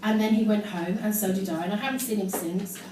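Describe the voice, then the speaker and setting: On stage at an indoor live show in London, an amateur performer reads her teenage diary in a deadpan, self-mocking comic style as the audience laughs. She speaks quickly at medium pitch. A distant phone camera in the crowd captured it, so the sound is echoey and noisy.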